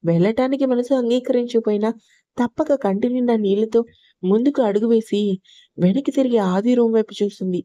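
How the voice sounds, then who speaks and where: A woman reading an emotional love story aloud as a steady storyteller. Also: fairly high pitch, a little fast, no room sound. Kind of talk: audio story narration.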